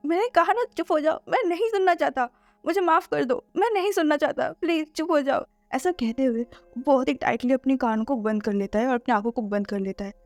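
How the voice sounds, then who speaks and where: A woman's voice: a little high, a little mellow, no room sound. A woman narrating a fan fiction story in an earnest, emotive way, then chatting to her viewers.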